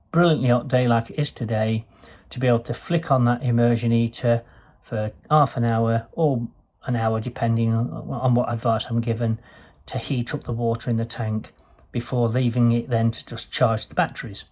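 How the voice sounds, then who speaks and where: A man's voice: mid-range voice, a little mellow, no room sound. Man, casual vlogger, chatty and rambling, handheld camera in a boat cabin. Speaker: vlogger showing his boat. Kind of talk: casual vlog tour. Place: narrowboat cabin, indoors.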